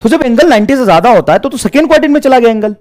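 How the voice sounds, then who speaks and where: Male math teacher, animated sing-song delivery, drills points by repetition, fond with students. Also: very high-pitched, racing. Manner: addresses students fondly as children. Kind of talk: classroom lesson.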